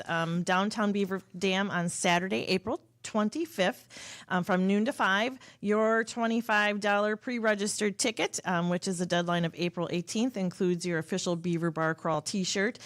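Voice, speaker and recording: A woman guest in a radio studio rattles off upcoming events at speed. She fills the gaps with frequent "um"s. Her voice sits at a middle pitch. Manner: fast rundown full of "um" fillers. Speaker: tourism guest. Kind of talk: radio interview.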